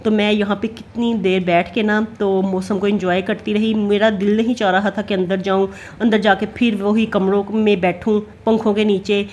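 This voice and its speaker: A woman's voice: medium pitch, flat delivery, moderate pace, few pauses, a little mellow, a little hiss or hum. A middle-aged woman with a Pakistani Urdu accent, chatting in a homely way as she narrates her family vlog. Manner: chatty, homely, many fillers. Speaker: family vlogger. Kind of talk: casual voice-over narration.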